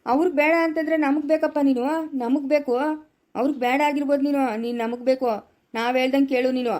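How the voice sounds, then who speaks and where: Woman as a fatherly village elder, insistent and lecturing, mellow dark tone, mid pitch, Chikkaballapura Kannada. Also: steady tone, a little fast, natural voice. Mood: urgent. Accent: Kannada, Chikkaballapura area. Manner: insistent, lecturing, repeating lines. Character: older village man as father figure, firm. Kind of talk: amateur family village drama.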